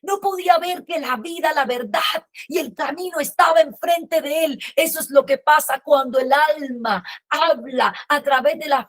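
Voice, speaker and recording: A middle-aged woman pastor preaching a sermon with impassioned delivery that rises to shouts. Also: high voice.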